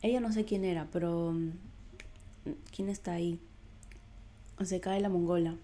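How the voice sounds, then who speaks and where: A woman's voice: on the low side, fairly even intonation, unhurried, warm tone. A woman reading a comic aloud and reacting emotionally in between, in a chatty, personal way. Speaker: comic reader.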